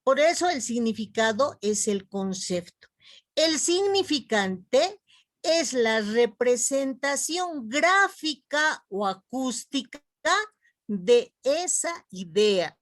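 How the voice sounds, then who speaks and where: Slow high-voiced woman teacher. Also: dry recording, studio quality. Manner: slow, explanatory, calls students "jovencitos". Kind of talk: online class lecture.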